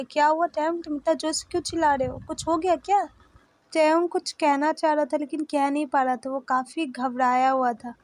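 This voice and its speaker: A woman narrates a fan story with a steady, plain delivery. Her voice is high and the sound is dry and close. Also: dry recording, poor audio.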